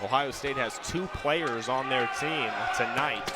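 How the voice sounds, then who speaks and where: An American man calls live volleyball play-by-play in an indoor arena during a match, raising his voice on big plays. His medium-pitched delivery is unhurried, set against loud gym and arena noise and bouncing balls.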